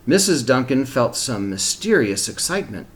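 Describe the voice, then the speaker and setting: With a mid-range voice, big swings in pitch and a moderate pace, a male teacher reads a picture book aloud to young children. It's an animated read-aloud, full of expression and asides explaining the story.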